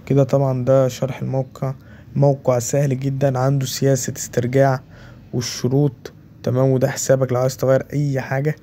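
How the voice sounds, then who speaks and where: Speaking quickly in a monotone, this tutorial presenter has a medium-pitched, dark voice and an Egyptian Arabic accent. He guides viewers through a website in a relaxed way, repeating "okay" after each step, while a faint hiss or hum runs underneath.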